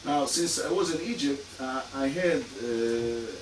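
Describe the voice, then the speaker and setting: A little slow and medium in pitch, a male criminologist with a Hungarian and Israeli accent lectures academically, using many fillers and dry asides. The noisy recording comes from a distant mic in an echoey lecture room.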